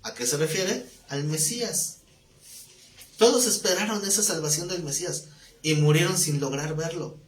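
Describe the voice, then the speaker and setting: A man, a pastor teaching a live Bible class, telling stories in a lively way and asking the class questions. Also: a little high, normal speed. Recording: echoey room, faint background noise.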